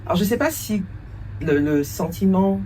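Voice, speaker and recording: Recorded from a distance with slight background noise, this woman speaks with a warm, expressive, medium-pitched voice at normal speed. In her forties and raised in France, she thoughtfully answers interview questions about her work as a cultural entrepreneur and producer, with many hesitations and some English words.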